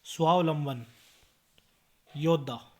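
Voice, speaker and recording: A man's voice: fairly high pitch, darkish tone. A man tutoring Hindi spelling, reading out words one by one and correcting common mistakes. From India. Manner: slow, word-by-word dictation with corrections. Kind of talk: spelling drill lesson.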